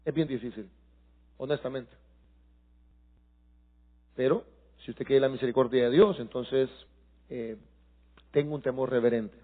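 A middle-aged male pastor, preaching a sermon that swings from quiet confiding talk to passionate shouting. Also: medium pitch, steady tone, measured pace, pauses often, husky, narrow, tinny audio.

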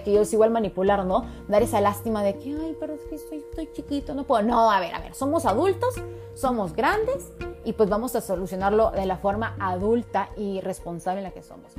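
Chatty woman giving relationship advice. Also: a little high. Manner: chatty, emphatic, acts out quoted voices, calls listener "mija". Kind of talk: casual advice monologue. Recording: soft music in background.

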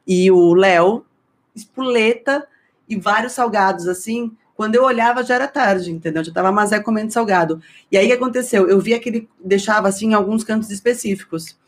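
A woman co-hosting a podcast, casually telling a household story. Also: medium pitch. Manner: chatty storyteller, quick asides. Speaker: podcast host. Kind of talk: casual chat.

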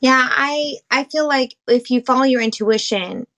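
A woman in a casual spiritual chat, hoarse from allergies, with a husky smoker-like voice and animated storytelling. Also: sits high, normal speed. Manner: animated storytelling, acts out quotes. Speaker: guest co-host.

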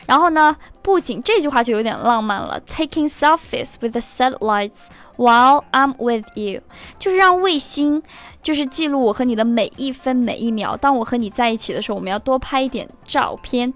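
A woman teaching English through song lyrics, slowing down to repeat and spell out words. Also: a little high, expressive, a bit bright, soft background music.

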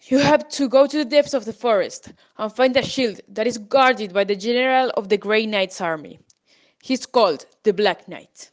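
A woman's voice: a little high, moderate pace, close to an everyday voice. A woman reading aloud, voicing a serious, commanding old lord in a storybook. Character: wise stern old male lord.

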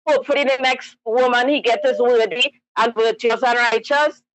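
A woman's voice: fairly high pitch, fairly even intonation, moderate pace, poor audio. A woman calling in to a talk show, earnestly giving her sympathetic view. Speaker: caller. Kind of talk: call-in radio commentary.

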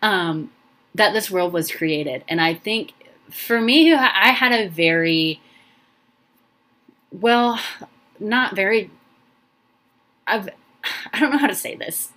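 A young woman hosts a casual podcast alone, her medium-pitched, somewhat bright voice animated yet slow, with long pauses. She rambles from the heart, full of ums and restarts, sounding emotional and near tears.

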